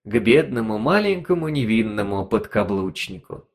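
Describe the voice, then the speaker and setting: A man's voice: lowish voice, big pitch swings, moderate pace, creaky. A man voicing a sly, insinuating talking device that whispers neighbourhood gossip in a story reading. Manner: insinuating, snickering.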